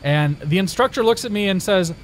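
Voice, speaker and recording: The Indiana streamer's voice sits high, animated and a little fast, over poor audio. He rambles through a story for his viewers in casual chat, restarting often.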